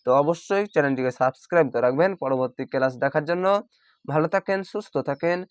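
A man teaching recitation, chanting each word slowly and then patiently spelling it out syllable by syllable. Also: a little high, darkish tone, smooth, no echo. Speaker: Quran reading teacher.

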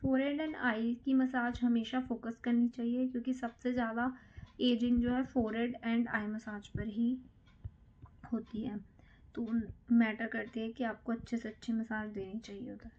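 Beautician woman, slow calm instructor, slightly high voice, dull lo-fi salon recording. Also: a little hiss or hum. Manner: calm, counts strokes aloud while working. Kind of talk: step-by-step facial massage instruction. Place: salon treatment room.

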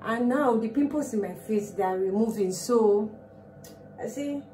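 A young woman with a Nigerian English accent talks to her vlog camera in a loose, rambling, self-mocking way. Her voice is mellow and sits back from the mic in a roomy space with a faint hiss behind it. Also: a little high, measured pace. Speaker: vlogger. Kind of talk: casual vlog chat to camera. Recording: roomy, distant sound with faint noise.

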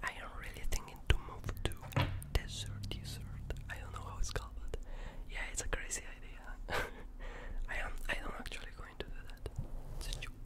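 A young man doing fast, aggressive ASMR in a breathy, unvoiced whisper very close to the microphone, repeating trigger words intensely. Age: young adult. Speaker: ASMR host. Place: small bedroom, indoors. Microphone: desktop condenser microphone, very close. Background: brushing on the microphone.

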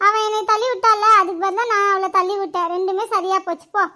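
A stubborn, quarrelsome sister-in-law in a family cartoon, voiced by a woman. She taunts her brother's wife in a very high voice. She talks in a deliberate, unhurried way. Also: steady tone, sharp tone. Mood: defiant. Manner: defiant, taunting.

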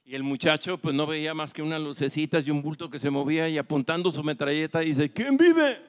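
A man's voice: a little high, level tone, fast, long reverb tail. A man with a Mexican accent telling a story as a joke in a bar, playfully asking the listeners to play along. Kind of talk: storytelling joke among friends.

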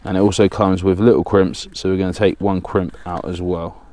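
In a small indoor studio with a banner behind him, a southern English man in his thirties walks through a fishing rig step by step for his channel, plain and practical as he works with his hands. His voice sits low and is a little mellow, delivered flat and briskly on a dry recording.

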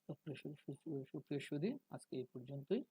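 A man giving a spoken lesson on pronunciation, slow and deliberate, drawing out syllables to demonstrate them. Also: fairly high pitch, dark tone, husky, no room sound, poor audio. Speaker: religious teacher.

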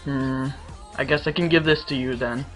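A woman's voice: very deep voice, steady tone, moderate pace, faint music behind. A woman voicing a sarcastic young barmaid in a fan audio drama. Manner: sarcastic, dry.

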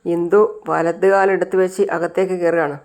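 Woman storyteller, lowish voice, casual narration, acts out each character. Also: normal speed, gravelly. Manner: lively, acts out every character herself.

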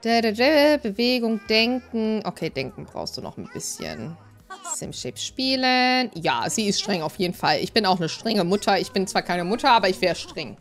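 Lively German woman scolding her game. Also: mid-range voice, normal speed. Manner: bossy, scolding the game characters. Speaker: gaming streamer. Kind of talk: casual let's-play commentary. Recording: faint game music behind.

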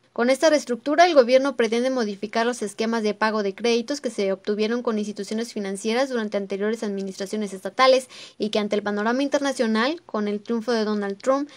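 A woman reporter with a Mexican Spanish accent, reading a news report in a steady, formal way. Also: on the high side.

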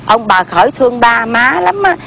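A woman's voice: on the high side, very animated, moderate pace, pushed and bright, a little hiss or hum, exaggerated voice. A fussing, scolding village mother. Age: middle-aged. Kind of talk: Vietnamese reformed opera comedy acting.

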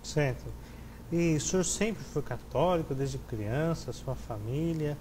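A man's voice: on the high side, lively intonation, unhurried, a little mellow, slight background noise, low-quality recording. A young man, a priest hosting a religious TV program, greeting viewers and asking questions in a friendly, formal manner on a lapel mic in a studio. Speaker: TV host, priest. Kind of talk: TV interview hosting. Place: TV studio with chapel set.

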